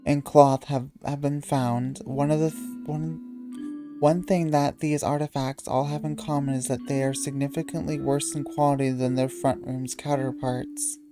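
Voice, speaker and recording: A sleepy, yawning woman hosting a channel, reading wiki entries aloud in a halting way and stumbling over words. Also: extremely low pitch, flat delivery, music in the background.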